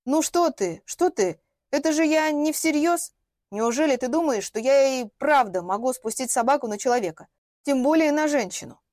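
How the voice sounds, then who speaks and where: Woman voicing a stern middle-aged woman dog owner, bossy, barking, raised pitch, loud, dry close sound. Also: lively intonation, normal speed, no echo, lightly acted. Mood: soothing. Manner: barking, bossy, turning fussily kind.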